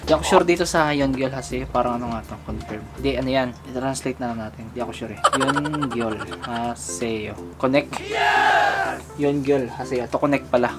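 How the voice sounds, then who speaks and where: A man's voice: mid-range voice, fast talker, hardly any pauses, over loud music. A man from the Philippines giving a casual, chatty language tutorial, laughing and thinking aloud as he goes.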